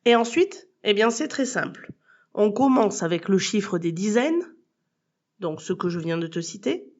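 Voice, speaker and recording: A woman's voice: medium pitch, lively intonation, a little slow, darkish tone, highs cut off. A woman teaching a language lesson as a podcast, patiently spelling words out letter by letter and speaking directly to the listener. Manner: addresses the listener as tu. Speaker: Spanish teacher.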